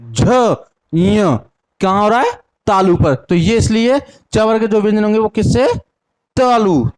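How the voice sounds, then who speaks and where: A young man teaching a lesson with a north Indian Hindi accent. He asks each question, answers it himself, repeats the answer, and sounds out syllables slowly one by one. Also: high-pitched. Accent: Hindi-speaking north Indian. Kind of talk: classroom lesson with call-and-response drills.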